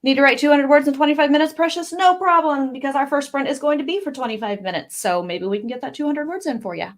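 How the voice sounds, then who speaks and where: A woman's voice: high-pitched, fast. A woman hosting a casual writing livestream from home, reading viewer comments aloud and rambling between them with lots of fillers. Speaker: livestream host.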